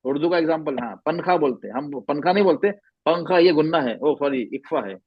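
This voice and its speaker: Male recitation teacher, patient, demonstrates sounds slowly, slightly high voice, dull dry line. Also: lively intonation, slightly rough, no room sound. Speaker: Quran tajweed teacher. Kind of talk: online class instruction.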